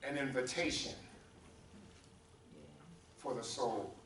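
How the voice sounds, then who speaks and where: A man's voice: medium pitch, takes it slowly. A man preaching a sermon as pastor, calling on congregants by name and drawing call-and-response from them in a church sanctuary. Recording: roomy echo, distant mic, faint hum.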